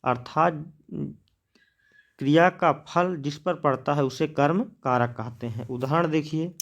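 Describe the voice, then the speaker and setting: A man's voice: fairly high pitch, a little slow, a bit bright. A man teaching a grammar lesson, writing examples on a board, repeating words as he writes and answering his own questions.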